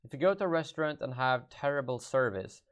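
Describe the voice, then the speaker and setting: A young Swedish gaming YouTuber with a Swedish accent talks fast in an expressive, medium-pitched voice, and the recording sounds muffled. On a live stream, he reads viewer questions aloud and answers off the cuff, thinking aloud in a hesitant, offhand way.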